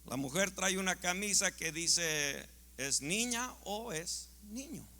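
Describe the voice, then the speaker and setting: High, gravelly preaching man in a hall. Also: expressive, takes it slowly. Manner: impassioned preaching, swings from loud to hushed. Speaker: pastor. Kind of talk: sermon. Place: church sanctuary.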